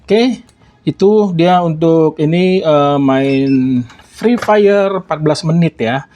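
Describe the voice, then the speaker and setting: A man with a fairly high-pitched voice talks through a gaming test in an informal way. He comments casually as he plays and reviews, often adding little tag words to his statements. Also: slow, darkish tone.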